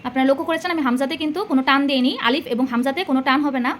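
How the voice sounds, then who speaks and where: A woman teaching Arabic letter pronunciation as a patient Quran reading teacher, sounding out each letter slowly and repeating it with care. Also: sits high, steady tone, a little hiss or hum. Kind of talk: slow recitation lesson.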